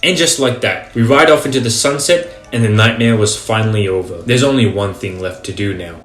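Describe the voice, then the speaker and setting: A man with a fairly low voice narrates a video game run. His delivery is wry, slangy and mock-dramatic, like a scripted comic recap. The room adds noticeable echo, and music plays lightly behind him. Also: brisk. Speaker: gaming video host. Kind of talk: scripted comedic gameplay narration.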